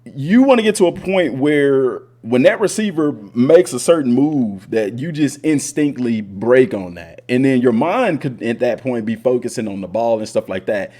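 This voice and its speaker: American male gaming vlogger, medium pitch with big melodic swings, casual and chatty, loose unscripted delivery. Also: animated, moderate pace, hardly any pauses, mellow. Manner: informal, rambling, repeats phrases for emphasis. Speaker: YouTube host and gaming commentator; sports coach. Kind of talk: casual chatty commentary to viewers. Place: indoors in front of a green screen.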